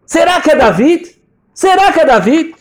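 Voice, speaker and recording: A man voicing a distraught old father who cries out in anguish, his voice pushed high and strained. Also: very animated, normal speed. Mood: frantic.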